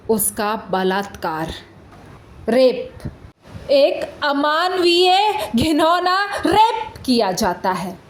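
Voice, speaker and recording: Her pitch extremely high and her tone fairly bright, a woman with an Indian accent exaggerates her voice as a fiery, indignant prosecuting lawyer. The theatrical courtroom monologue unfolds in deliberate, rhetorical phrases with dramatic pauses, over a little hiss or hum.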